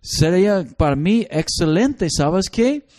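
A man's voice: high-pitched, slow pace. A middle-aged man leads a casual Bible study, telling stories animatedly and slipping into English now and then. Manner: animated storytelling, slips into English.

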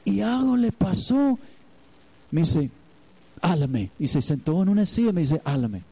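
A man's voice: sits high, very animated, measured pace, warm tone, husky, rough recording. A man preaching as a pastor, telling a personal story and acting out the voices in it. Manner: storytelling, acts out quoted voices. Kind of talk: sermon.

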